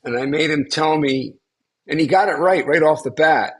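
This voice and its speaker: A man's voice: a little high, moderate pace, fairly bright tone, breathy edge. An older man, a spiritual teacher, tells a story to a small class in a rambling way, with many restarts and fillers.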